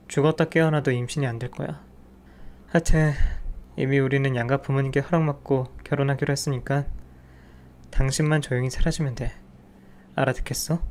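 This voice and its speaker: A man's voice: medium pitch, natural voice. A man voicing a cold, contemptuous husband who insults and dismisses his wife. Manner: scornful, dismissive.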